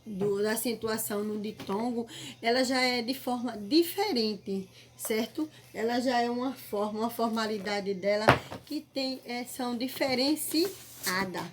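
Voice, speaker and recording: Brazilian lady teacher going thru a lesson real slow, keeps repeating stuff and asking certo. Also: fairly high pitch, background noise. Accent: Brazilian Portuguese. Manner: slow, repetitive, checks with "certo?". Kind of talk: online class lesson.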